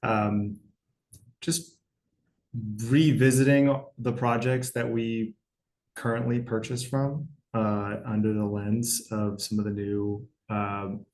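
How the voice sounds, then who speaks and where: A man panelist from a company, answering deliberately with pauses over a video call. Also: on the low side, darkish tone, poor audio. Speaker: corporate panelist.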